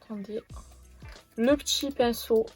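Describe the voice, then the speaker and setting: A woman's voice: a little high, unhurried, darkish tone, soft background music. A young woman presenting beauty products in a casual haul video, rambling with many fillers and restarts. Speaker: beauty vlogger.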